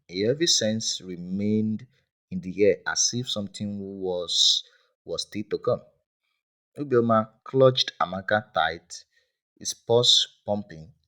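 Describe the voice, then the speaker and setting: A man's voice: lowish voice, low-quality recording. A man narrating a dramatic folk tale in a grave storytelling manner. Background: loud background music.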